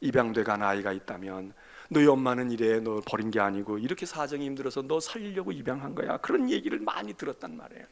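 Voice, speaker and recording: A man preaching a sermon as senior pastor, dramatic, acting out quoted voices and swinging from whispers to loud bursts. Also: medium pitch, animated, fast, vocal fry, hardly any pauses. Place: church sanctuary.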